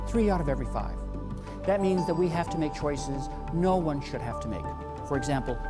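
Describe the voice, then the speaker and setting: A legal aid staff member from Peru reading a measured, earnest scripted appeal. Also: medium pitch. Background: loud guitar music.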